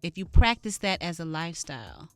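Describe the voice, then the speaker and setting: A woman guest on a radio show, a health practitioner giving measured, thoughtful answers in casual conversation. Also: on the low side, sing-song, fairly bright tone, no echo. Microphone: studio mic.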